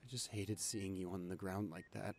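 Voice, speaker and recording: A young man voicing a caring, anxious boyfriend in an audio role-play, talking softly and reassuringly to his sick partner. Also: deep voice, steady tone, normal speed, a little hiss or hum. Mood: subdued remorseful. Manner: soft, soothing, reassuring. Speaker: voice actor reading a listener script.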